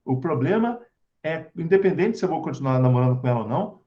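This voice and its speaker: A man's voice: a little high, animated, fast. A man giving a conversational spiritual talk, asking his audience rhetorical questions. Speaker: spiritual lecturer. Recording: dull lo-fi recording.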